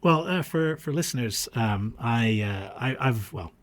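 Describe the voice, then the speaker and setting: Speaking a little slowly in a mid-range, animated voice, this podcast guest recounts stories in a reflective, halting, conversational way. He was born in Australia and grew up across the US and Dubai.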